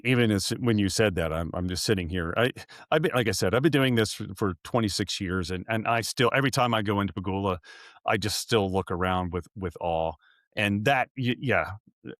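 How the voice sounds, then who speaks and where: Speaking briskly in a slightly bright voice on the low side, a man in his forties, an arena PA announcer, guests on a podcast for a relaxed interview. He rambles, corrects himself, and chuckles here and there; the audio is clean studio sound with no echo.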